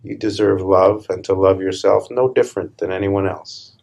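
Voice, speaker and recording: Man, calm guided meditation, low-pitched, husky, deliberate short phrases with pauses. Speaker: spiritual teacher leading a guided meditation.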